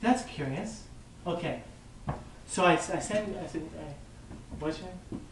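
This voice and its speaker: A man, a rabbi, giving an informal classroom lecture, lively and conversational, joking with and quizzing his listeners. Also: high voice, measured pace. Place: classroom or study hall. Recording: echoey room, mic far off, faint background hiss.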